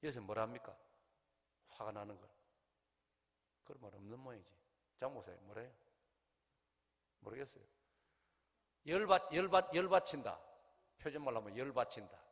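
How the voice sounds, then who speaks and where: A middle-aged pastor with a Gyeongsang accent preaches at a revival meeting. His voice sits at an ordinary middle pitch, and he tells his story with lively asides to the congregation. A long church reverb hangs behind every phrase. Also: normal speed, gravelly, pauses often. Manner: animated storytelling, acts out quoted voices, asks the congregation questions. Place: large church sanctuary.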